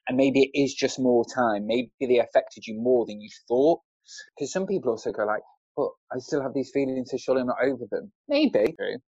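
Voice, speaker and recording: A man's voice: mid-range voice, fairly quick, darkish tone, husky, no echo, muffled recording. A man chatting thoughtfully as a podcast guest over a video call, laughing easily.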